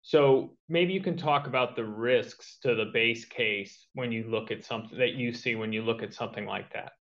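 A man moderates a live question-and-answer session as host. His voice is bright and forceful, though the livestream recording is a touch dull. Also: mid-range voice, normal speed. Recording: slightly dull livestream audio.

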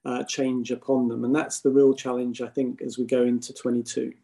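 A man speaks as an expert guest in an interview, in a mellow voice with little variation in pitch. He explains things in long, winding, hesitant sentences. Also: monotone, fairly quick, vocal fry. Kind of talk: podcast interview commentary.

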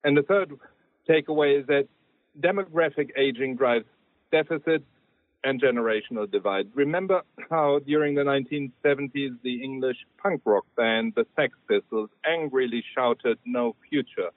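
A man delivers prepared remarks as a podcast guest, measured and steady in his pacing. The sound is thin and phone-like, with almost no room around it. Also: medium pitch, no room sound. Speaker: podcast guest, investment strategist. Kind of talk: prepared remarks read aloud. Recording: tinny phone-like line, dry.

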